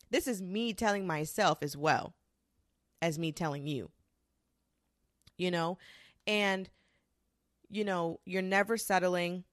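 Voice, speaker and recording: A woman in her twenties talking casually and candidly to the camera, swearing freely and rushing through quick bursts. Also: lowish voice, no room sound, clean studio sound. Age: 20s. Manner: candid and profane, with frequent restarts and quick bursts. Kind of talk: casual confessional monologue.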